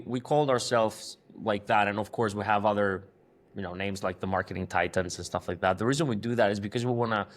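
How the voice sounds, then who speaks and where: A man from Greece, a marketing agency co-founder speaking in a podcast interview, hesitant, with frequent fillers and restarts. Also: lowish voice.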